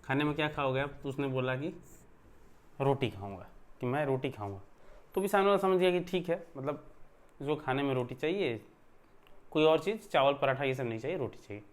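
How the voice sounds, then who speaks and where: In an explanatory online lesson, a man with a mid-range voice teaches grammar conversationally, frequently checking in with listeners and stressing words for emphasis. He speaks in an animated, brisk way, with long pauses.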